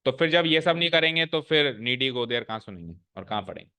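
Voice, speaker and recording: A man's voice: medium pitch, animated, fast talker, sharp tone, clear, resonant tone. A man in his forties teaching a grammar class to students, lecturing and scolding with rhetorical questions and mixing English phrases into his speech. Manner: mixes English phrases into Hindi.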